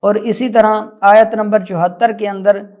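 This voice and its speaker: A patient Quran reading teacher explaining pronunciation at an unhurried pace. The voice sits in a middle pitch and stays calm and instructive, stretching difficult words out and repeating them for correction.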